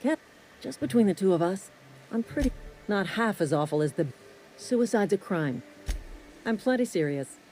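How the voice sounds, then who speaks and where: A woman's voice: medium pitch, animated, normal speed, pauses often, darkish tone, a little hiss or hum, natural voice. An actor playing a curt, dismissive work foreman in a video game. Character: gruff, impatient work foreman.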